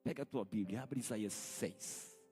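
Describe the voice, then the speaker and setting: A man with a Brazilian Portuguese accent, a senior pastor preaching a live church sermon, repeating phrases and calling out to the congregation as he builds to shouted peaks. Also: lowish voice, moderate pace, soft background music. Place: church sanctuary.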